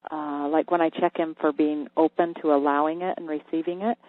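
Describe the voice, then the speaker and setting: Soft, halting healer on a thin line. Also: medium pitch, no room sound. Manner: calm, halting, drifts into whispers while checking. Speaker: host, energy healer. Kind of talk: call-in radio energy reading. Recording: thin phone-like line, dry.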